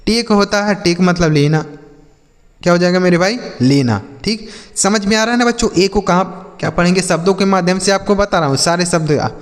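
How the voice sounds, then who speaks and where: Brief: male phonics teacher, high voice, asks questions and answers them, long reverb. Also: a little fast. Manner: explains step by step, repeats his own questions and answers them; addresses students as kids and brother. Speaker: English teacher. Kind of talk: classroom-style phonics lesson.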